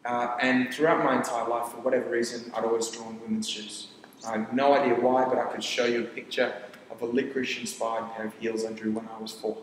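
A young startup founder from Papua New Guinea, a native Tok Pisin speaker, talks loosely through his business in a casual interview on a roomy studio set with armchairs, the echo ringing out with a long reverb tail. He rambles, restarts phrases, and rapidly jumps between lists of ideas in a mid-pitched, level voice, with a faint hiss underneath.

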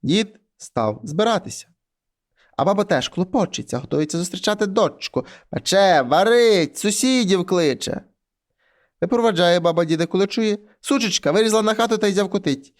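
Lively male storyteller reading a folk tale. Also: moderate pace. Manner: lively, animated reading that drops low for the animal heads.

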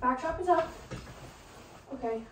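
Young female vlogger, high and bubbly, roomy handheld-camera sound. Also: a little slow, a little hiss or hum. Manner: chatty, bubbly, lots of "like" fillers. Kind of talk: casual vlog chat. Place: her mom's house, indoors. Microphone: handheld vlog camera.

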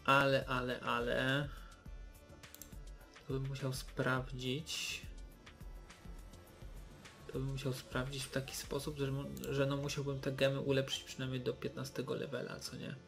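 A man's voice: mid-range voice, completely flat delivery, unhurried, gravelly, pauses often, fairly bright tone, soft background music. A young man giving casual, hesitant commentary while opening game loot boxes, with many fillers and restarts. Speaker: gaming YouTuber.

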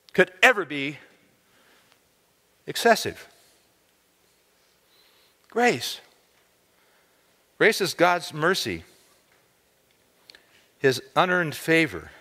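An animated man in his sixties delivers a storytelling chapel sermon, his bright voice rising and falling over a wide range. He stammers into quick repeats as he gets excited. A long hall reverb trails behind him on a large stage. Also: a little high. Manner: animated, gesturing, repeats words when excited. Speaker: chapel speaker. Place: large dark auditorium stage.

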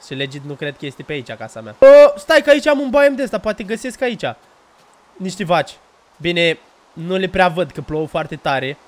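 Young guy gaming host, jokey and chatty, yelps a lot when stuff jumps out, kinda high voice. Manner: excitable, jokey, yelps when startled, chatty asides to viewers. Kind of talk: casual gameplay commentary.

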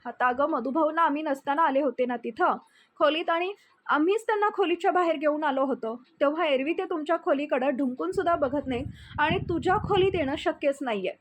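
A woman's voice: high voice, brisk, slight background noise, close to an everyday voice. A woman reading the lines of a young husband who speaks firmly and reproachfully. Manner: firm, reproachful. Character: firm young husband in a family drama.

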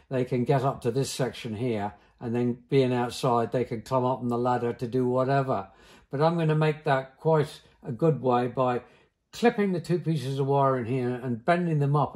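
At the bench in his small workshop, an older man who works as a silversmith walks through the job one step at a time. He talks in a practical, plain-spoken way, his medium-pitched voice a little mellow.

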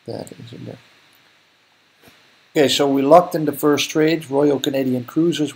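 A young Dutch investing vlogger with a Dutch accent talks casually through a screen recording, thinking aloud and correcting himself. His medium-pitched voice is husky and darkish with vocal fry, and the audio quality is poor.

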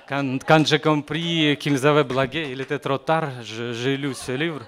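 A man from Moldova with a Russian accent, whose first language is Russian, reading poems aloud at a poetry evening in a library café in a halting, self-deprecating way. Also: medium pitch, fairly even intonation, fairly bright tone. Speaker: guest reader.

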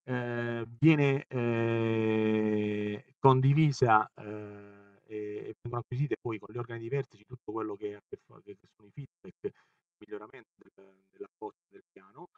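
A man giving a webinar presentation over a video call, talking haltingly with many fillers and restarts. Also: fairly even intonation, clean tone, dry recording. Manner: hesitant, full of fillers and restarts. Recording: muffled low-fidelity web call audio.

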